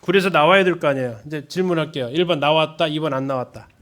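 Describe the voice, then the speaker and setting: A man's voice: a little high, fast talker, a bit bright. A man leading a Bible study lesson in a church, reading scripture aloud and putting questions to the congregation. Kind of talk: sermon-style Bible lesson.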